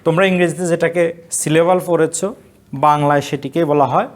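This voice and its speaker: A man's voice: a little high, steady tone, a little fast. A man teaching an online college class, explaining rules step by step and answering his own questions. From Bangladesh. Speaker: college Bengali lecturer.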